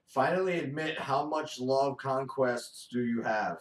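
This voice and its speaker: A man's voice: mid-range voice, a little slow. Young man, casual chat, stammers, echoey room, mic far off. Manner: stammering, easygoing. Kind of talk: casual chat among friends. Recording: roomy, distant mic.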